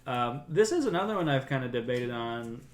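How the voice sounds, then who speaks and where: A man's voice: medium pitch, very animated, brisk, roomy sound, a crowd in the background. A man hosting a casual chat, rambling with plenty of ums and likes. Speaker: host. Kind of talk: casual chat about comic collecting.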